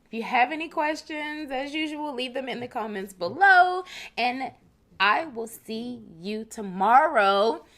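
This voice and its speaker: A woman's voice: high voice, expressive, unhurried, a bit bright. A woman hosting a podcast, gushing with enthusiasm as she opens the show and asks a guest questions. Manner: gushing, enthusiastic, fond of words like crazy and wild. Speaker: podcast host. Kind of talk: podcast intro and interview.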